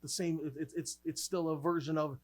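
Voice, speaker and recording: A man's voice: on the high side, steady tone, a little fast. A man preaching a sermon as pastor, emphatic, often restarting and repeating words as he builds up his points.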